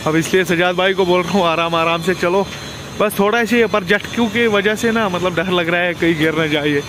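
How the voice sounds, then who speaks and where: A man's voice: sits high, moderate pace, noisy background. A young man in his twenties, a truck driver vlogging casually and chatting as he explains his work, filmed on a handheld phone outdoors in a loading yard. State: tired. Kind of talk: casual vlog commentary. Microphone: phone camera held by hand.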